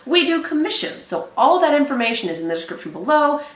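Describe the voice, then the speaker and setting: A woman co-hosting a reaction show, chatting casually and thinking out loud with quick asides. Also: high voice, big pitch swings, echoey room. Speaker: reaction channel co-host. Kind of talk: casual chat.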